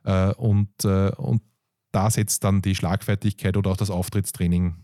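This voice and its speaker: A man's voice: sits low, moderate pace, dry recording, clean studio sound. Austrian man telling stories with laughs. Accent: Austrian German. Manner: animated storytelling with frequent laughs and fillers. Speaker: guest, coach and stand-up comedian. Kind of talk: conversational interview.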